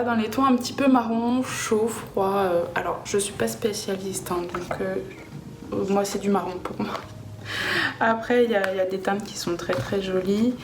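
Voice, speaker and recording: A woman chatting casually through a makeup haul, hesitant and full of fillers, recorded at home. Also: mid-range voice. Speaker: beauty vlogger. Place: home room with a cat nearby. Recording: echoey room with background noise.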